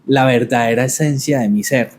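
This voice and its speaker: A man in a reflective conversation, speaking at an ordinary middle pitch. He talks thoughtfully and haltingly, restarting phrases and circling back to his words before he goes on. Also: a little mellow. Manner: thoughtful, halting, repeats words while searching. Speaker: podcast host.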